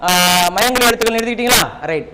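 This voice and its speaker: A man's voice: very high-pitched, racing. A man teaching a Tamil class with a Tamil Nadu accent, repeating key points and quizzing his students. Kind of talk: classroom lesson. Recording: noisy classroom recording.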